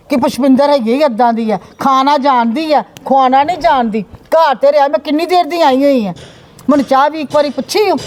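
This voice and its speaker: A woman playing a sharp-tongued scolding aunt. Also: high voice, close to an everyday voice. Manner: scolding, lecturing, rapid retorts. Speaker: aunt Manju scolding the son. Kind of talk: amateur family skit acting. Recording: faint background noise.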